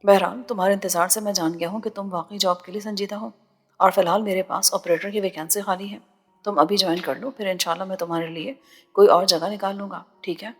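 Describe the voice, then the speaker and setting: A woman's voice: mid-range voice, slightly rough, long reverb tail, soft background music. Woman reading as a teasing confident young man. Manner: relaxed, pointed.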